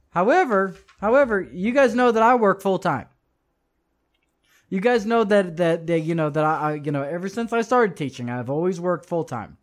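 A religious teacher with a fairly high voice reads from a book to his class and comments on it emphatically. He repeats phrases for stress and speaks directly to his listeners.

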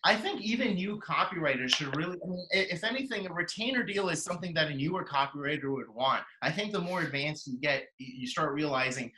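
A man talking casually about his copywriting business in a podcast interview, blunt, swearing freely, with quick sales patter. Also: a little high, expressive, bright, forceful tone, rough recording. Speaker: copywriter guest.

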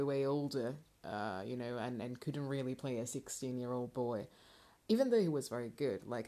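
A woman's voice: very deep voice, a little mellow. A woman hosting a casual solo podcast from her garage on a makeshift microphone, talking informally and hesitantly in a rambling way. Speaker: podcast host. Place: in a home garage, parking space indoors. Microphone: makeshift, not a proper microphone. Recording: amateur garage recording, makeshift mic.

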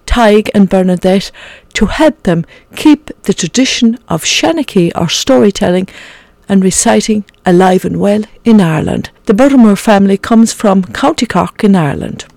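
A woman hosting a show, giving a spoken introduction in a presenter's style with a creaky, mellow voice. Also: mid-range voice, expressive, moderate pace, dry recording. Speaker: show host.

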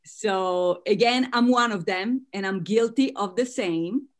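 A guest author from Italy answers interview questions earnestly, laughing lightly between points. She speaks with an Italian accent in a mid-range voice at a slightly slow pace.

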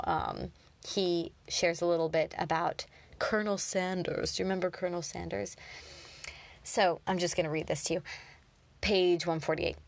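A young woman giving an earnest, animated motivational talk, sometimes dropping to a whisper for emphasis. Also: on the low side, vocal fry. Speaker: motivational speaker.

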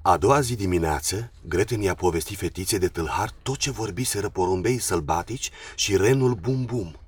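A man narrating a fairy tale in a measured, even storytelling manner. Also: sits low, breathy edge. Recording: distant, noisy recording.

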